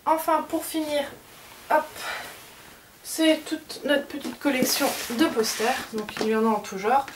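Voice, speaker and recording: In a casual unboxing vlog, a woman chats hesitantly to the camera about her souvenir collection, using many fillers. Her voice is high-pitched and a little slow. She's recorded off-mic from a distance, with faint background noise.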